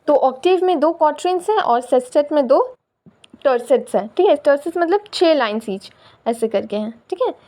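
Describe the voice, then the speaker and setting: A woman's voice: sits high, animated, mellow. A woman with an Indian accent teaching a poetry lesson, mixing Hindi and English, explaining step by step and checking in with her students often. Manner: explains step by step, often repeating "theek hai"; reads English lines slowly and carefully.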